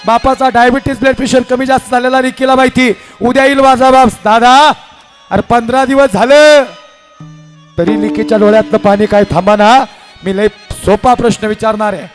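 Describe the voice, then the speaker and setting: A man's voice: very high-pitched, steady tone, normal speed, soft background music. A man preaching a devotional kirtan sermon, telling stories with acted dialogue in an impassioned manner. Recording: live hall with reverb and instruments.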